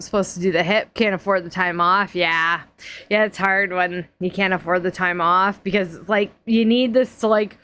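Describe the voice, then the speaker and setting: A woman in her forties talks to her stream audience in a loose, rambling way. She piles on fillers, restarts often and laughs easily as she chats. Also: mid-range voice. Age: 40s. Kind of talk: casual chat.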